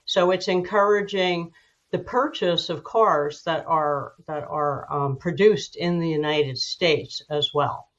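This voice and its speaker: As an expert guest in a broadcast interview, a woman with a low voice gives measured, informative explanations that are slightly halting. The recording sounds muffled.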